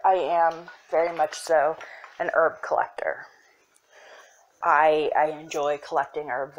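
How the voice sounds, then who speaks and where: A young woman casually showing her herb collection, soft-spoken and unhurried, with fillers and self-corrections that sometimes drop into a whisper. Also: sits low, rough recording. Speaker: apothecary shop owner. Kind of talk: casual show-and-tell.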